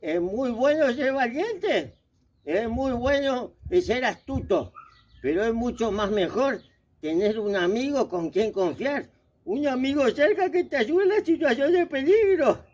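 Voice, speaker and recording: Man doing a gentle old grandfather toad. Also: very high-pitched, animated, unhurried, muffled recording, full character voice. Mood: tender.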